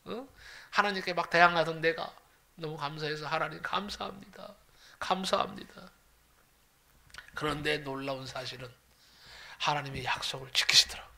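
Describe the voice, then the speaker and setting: A man preaching a sermon as a pastor, swinging between loud, emphatic declarations and hushed, almost whispered lines. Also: fairly high pitch, steady tone, brisk.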